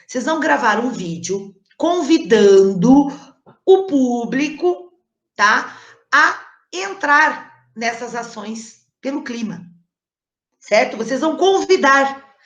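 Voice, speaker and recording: Woman teacher in a roomy room. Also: a little high. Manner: explains patiently, often checking with "certo?". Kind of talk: recorded online class explanation. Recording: roomy echo.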